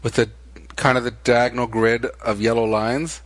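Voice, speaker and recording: A man co-hosting a casual late-night podcast chat, teasing his partner with deadpan jokes. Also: medium pitch, moderate pace, no echo. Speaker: podcast co-host.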